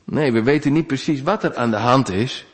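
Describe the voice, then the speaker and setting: A man's voice: medium pitch, normal speed, slightly rough. Earnest male preacher in a reverberant church. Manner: earnest, rising to loud pleas, dropping to quiet asides. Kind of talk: sermon.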